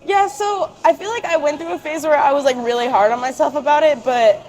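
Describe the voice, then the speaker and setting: A woman's voice: high voice, brisk, a little mellow, low-quality recording. A young adult woman speaking as a guest in a casual interview, with informal, youthful phrasing full of fillers.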